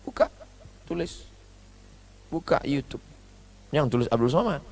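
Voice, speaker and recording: A man giving a humorous sermon, swinging between loud high bursts and soft low asides as he mimics foreign phrases. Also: expressive, measured pace. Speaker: preacher.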